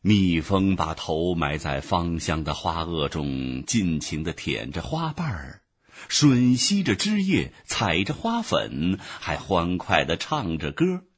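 A man narrating a children's storybook in an expressive reading style. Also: sits low, slow, slightly rough.

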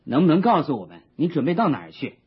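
A man voices a chatty, helpful townsman in an old radio play. His husky voice rises and falls a lot, and the recording sounds dull. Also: fairly high pitch, big pitch swings, quick pace, exaggerated voice. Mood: curious. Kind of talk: radio drama.

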